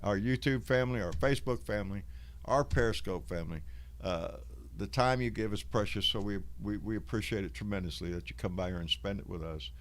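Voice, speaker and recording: A man hosts a casual online show in a low voice. His accent is Southern US, with a folksy drawl. He talks plainly and saltily, like someone chatting with regulars. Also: fairly quick. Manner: salty, profane. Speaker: host of a live online show. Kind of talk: casual livestream chat.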